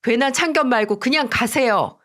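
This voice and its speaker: A woman's voice: on the high side, normal speed, a bit bright, natural voice. A woman voicing a resentful daughter-in-law who answers her mother-in-law curtly and defensively in a radio story drama. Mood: curt defiant. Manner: curt, dismissive and defensive. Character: defiant, resentful young wife and daughter-in-law.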